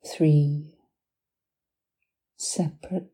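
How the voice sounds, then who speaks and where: Female hypnotherapist for guided relaxation: deeply mellow, soft and breathy, half-whispered, very unhurried and soothing. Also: fairly even intonation. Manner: soothing, deliberate, long pauses between short phrases.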